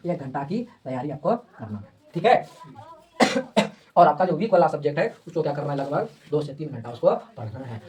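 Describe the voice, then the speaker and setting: A man's voice: fairly high pitch, a little mellow, recorded from a distance. A male teacher gives a motivational study lesson, repeating points and asking and answering his own questions.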